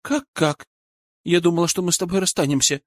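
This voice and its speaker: Brief: male narrator voicing a sharp-tongued young woman, raised pitch, quick. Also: lively intonation, no room sound, studio quality. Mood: teasing. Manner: stern, teasing. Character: young woman, stern and teasing.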